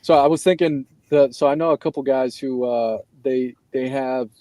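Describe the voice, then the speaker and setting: A man in a casual stream chat who laughs often, agrees easily and starts his sentences haltingly. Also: medium pitch, steady tone, dark tone, dry recording.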